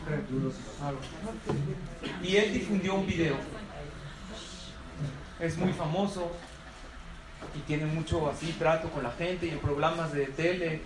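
A man giving a humorous lecture to a live audience, often asking them questions. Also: fairly high pitch. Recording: echoey hall from far off, noisy.

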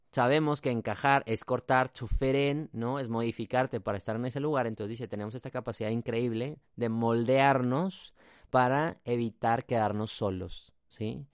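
Mexican man, podcast host, casual reflective monologue, smooth clear voice, dry close sound. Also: mid-range voice, no room sound. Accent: Mexican Spanish. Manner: chatty, mixes in English phrases, frequent tag questions.

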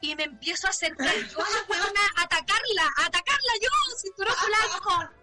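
A Chilean woman, a podcast guest, telling a story in animated, swearing casual chat and acting out the voices. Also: very high-pitched, fairly quick, soft background music.

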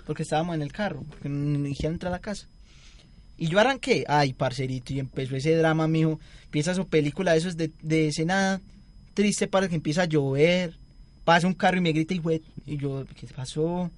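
A man's voice: fairly high pitch, a little fast. A young man telling a long, rambling story in casual chat and acting out the quotes. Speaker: guest storyteller.

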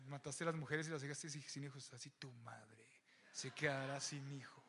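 A young man with a Mexican accent preaching an animated, joking sermon to young people, often raising his voice. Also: mid-range voice, moderate pace. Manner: animated, joking, shouts to the crowd. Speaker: youth preacher. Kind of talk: lively sermon.

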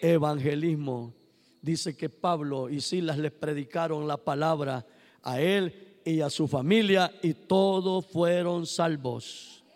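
Impassioned male preacher in a hall. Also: takes it slowly. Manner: swings from shouted exclamations to low, quiet storytelling. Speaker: pastor. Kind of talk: sermon.

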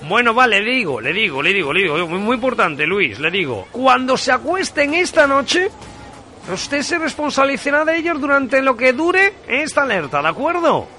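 A radio host making a live prank call, posing as an official and insistently repeating himself. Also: male voice, extremely high pitch, big pitch swings, normal speed, sharp tone.

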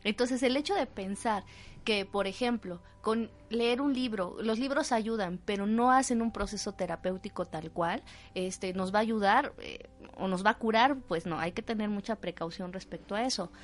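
A woman co-hosting a psychology talk show, explaining in an animated way and acting out short exchanges. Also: medium pitch, moderate pace. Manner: animated, acts out little dialogues while explaining. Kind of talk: conversational talk-show discussion.

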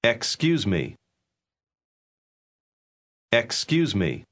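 Slow, over-careful American man. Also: lowish voice, huge pitch swings, a bit bright. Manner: deliberate, over-articulated model pronunciation. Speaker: language drill speaker. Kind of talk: slow syllable-by-syllable pronunciation drill.

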